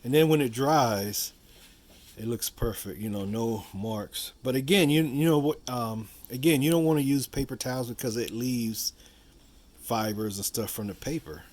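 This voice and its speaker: Demonstrating a product in a relaxed how-to video, the man wanders off on frequent asides, repeating himself and saying "you know" often. His mid-range voice is a little mellow, at a normal speed.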